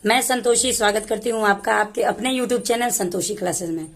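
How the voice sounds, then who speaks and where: A woman teaching English who reads phrases slowly and explains each word in Hindi. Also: medium pitch. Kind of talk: slow explanatory lesson.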